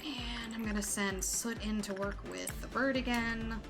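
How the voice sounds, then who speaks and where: A woman's voice: fairly high pitch, steady tone, a little slow. A woman streamer giving casual let's-play commentary, muttering orders to her units and swearing now and then. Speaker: VTuber streamer playing a management sim. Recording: game music behind voice.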